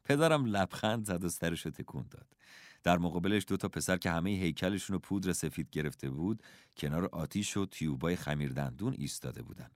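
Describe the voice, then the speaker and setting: A man narrates a first-person storybook in a lowish voice. His delivery is expressive and measured, with wide swings in pitch. The recording is dry and close. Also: dry recording. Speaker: audiobook narrator.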